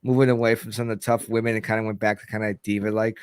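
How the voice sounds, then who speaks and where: A man's voice: on the low side, little pitch movement, very fast, clean tone, dry recording. Joking man on a dry-sounding podcast. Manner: joking, laughs often, thinks aloud. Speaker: wrestling podcast co-host. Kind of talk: casual chat on a live stream.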